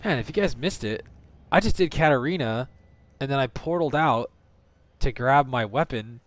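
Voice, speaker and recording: A man's voice: medium pitch, animated, moderate pace. A man streaming a game, talking to viewers in live commentary and swearing often as he rants.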